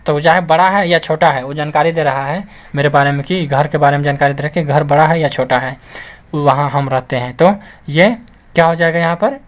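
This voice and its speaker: A man's voice: on the high side, a little fast. A man teaching an English grammar lesson, explaining patiently and repeating each point with frequent checks that the listeners follow. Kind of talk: classroom-style grammar lesson.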